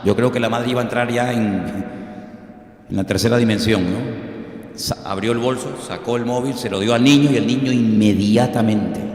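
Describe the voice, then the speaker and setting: A man's voice: mid-range voice, normal speed, a little mellow. A pastor in his sixties from Venezuela, preaching a sermon with humorous stories and earnest warnings. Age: 60s. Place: church hall. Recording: echoey hall with long reverb.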